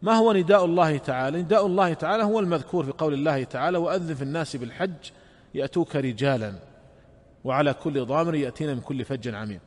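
A man delivers a religious lesson in a measured, explanatory way, circling back to repeat key phrases. His voice sits a little high for a man. The sound carries a long reverb, as in a large hall. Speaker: Islamic scholar.

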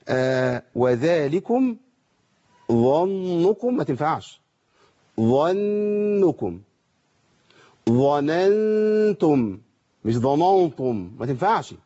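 Egyptian male recitation teacher, husky voice, quick speech, asks questions, slows down to model words. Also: on the high side, a little mellow, dull audio. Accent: Egyptian Arabic. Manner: asks rhetorical questions, demonstrates pronunciation slowly. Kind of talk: televised lesson.

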